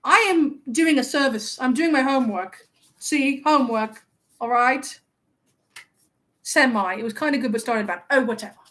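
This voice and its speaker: A woman plays a vain young wizard who adores compliments, using her own high voice at a moderate pace with a fairly bright tone. As livestream host, she has him tease viewers and act hurt when they tease back, playful and mock-offended throughout a chatty role-play.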